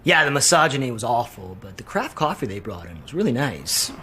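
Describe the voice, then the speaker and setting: A man's voice: mid-range voice, very animated, fairly quick, bright, forceful tone, a little hiss or hum. A man playing an opinionated, wry young buddy in a sitcom, lecturing his friend. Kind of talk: sitcom acting.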